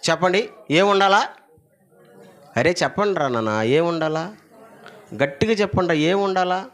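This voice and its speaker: High-voiced, animated male pastor preaching. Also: moderate pace. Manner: animated preaching, prompts the congregation to repeat verses aloud; swings between loud emphatic lines and low asides. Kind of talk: sermon.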